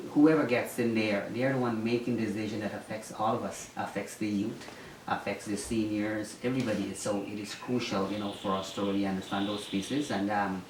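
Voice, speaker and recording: A man from Guyana answering interview questions, speaking hesitantly with many ums and restarts. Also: on the low side. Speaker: interviewee, former mayoral candidate. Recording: roomy echo, distant mic, faint noise.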